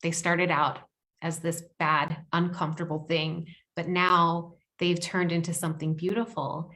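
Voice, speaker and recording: A woman's voice: on the low side, level tone, measured pace, a bit bright. A woman guest speaking earnestly in an interview, often repeating words for emphasis. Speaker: podcast guest. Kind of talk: heartfelt interview conversation.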